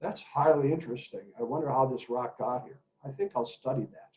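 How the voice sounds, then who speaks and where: A man's voice: medium pitch, brisk, a little mellow, lightly acted. A man voicing a bookish, professorial male owl from a storybook, in an echoey room with dull lo-fi sound. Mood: studious. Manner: professorial, detached.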